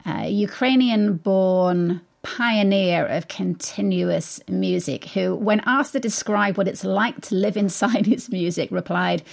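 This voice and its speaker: A woman hosts a radio interview, her questions curious and lively. Her voice carries a gravelly, creaky edge at a middling pitch. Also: slow, few pauses. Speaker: radio show host.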